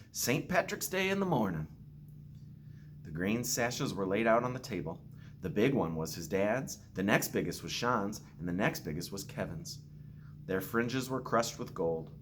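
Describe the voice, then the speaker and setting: A school staff member reads a children's storybook aloud to kids, using an expressive delivery and adding playful asides. His voice sits low, with a little background noise.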